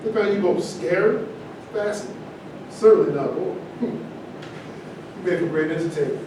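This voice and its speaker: A man with a natural voice, speaking at normal speed, reads the part of a provocative, opinionated character in a stage play, combative and argumentative in a declamatory style. It's a live staged reading in an echoey room, picked up by a distant mic with noisy rumble and heavy echo.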